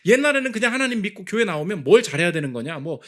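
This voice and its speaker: Male pastor, sermon, slightly high pitch, very animated delivery with emphatic peaks. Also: rapid-fire. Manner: animated, acts out quoted voices, builds to emphatic peaks. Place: church sanctuary.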